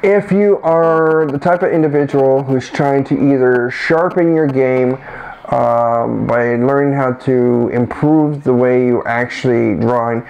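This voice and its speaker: A man's voice: medium pitch, a little slow, gravelly, darkish tone, highs cut off. A man co-hosting a casual chat, rambling along with frequent restarts. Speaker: co-host.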